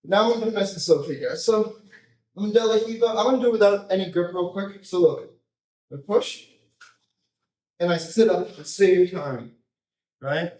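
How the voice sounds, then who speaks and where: A man coaching a jiu-jitsu technique, explaining casually in short, choppy phrases and often checking in with a quick tag question. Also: high-pitched, darkish tone. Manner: informal, choppy phrases with repeated tag "right?". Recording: roomy echo, distant microphone.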